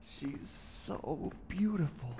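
A man voicing a brash young male TV crewman who talks loudly and bluntly, swinging between shouting and muttering. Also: a little high, animated, drawn-out words, slight background noise, heavily acted.

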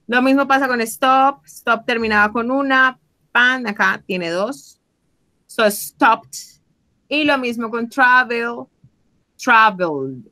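This woman speaks a little high, with a pushed, bright quality, captured on poor audio. Teaching English grammar to a Spanish-speaking audience, she explains patiently in both Spanish and English, drawing out sample words and leaning on frequent tag questions.

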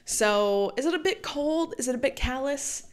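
Her voice sits high with lively intonation at a normal speed. She's a late-twenties podcast host working solo, chatting away and leaning heavily on "like" as a filler.

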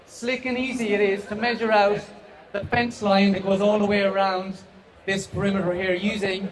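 A middle-aged Irishman from the west of Ireland demonstrates a product live in a big trade show hall, speaking into a handheld mic in a chatty, self-deprecating way. His voice is high and delivered flatly at a moderate pace, with a little hiss or hum in the audio.

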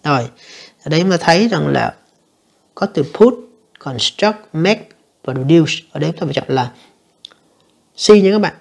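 A woman teacher, going through an English exam answer by answer and reading the English lines slowly. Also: sits low, animated, gravelly, darkish tone. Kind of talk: exam review lesson.

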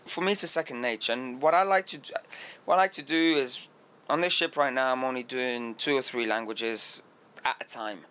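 A man's voice: medium pitch, bright, forceful tone, clean tone. Man, talkative cruise director. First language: French. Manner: fluent and talkative, frequent filler pauses. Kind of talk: podcast interview answers.

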